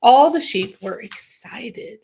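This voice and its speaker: A woman's voice: on the high side, lively intonation, slow, vocal fry, a little mellow, husky. A woman reading a children's picture book aloud on a livestream, playful and chatty between pages. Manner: playful, giggly, chatty asides. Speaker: storybook reader, livestream host.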